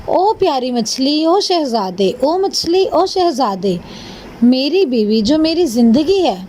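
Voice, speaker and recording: A woman's voice: high voice, sing-song, slight background noise. A woman doing a humble fisherman calling out. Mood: pleading call. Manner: calling out loudly over the sea. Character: poor humble fisherman, kind and reluctant.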